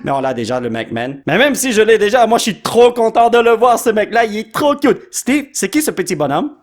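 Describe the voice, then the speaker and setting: A man's voice: high voice, very animated, fairly quick. A man with a Québécois French accent, hosting a card pack opening video. He rattles off card names and jokes with his son. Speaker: YouTuber host.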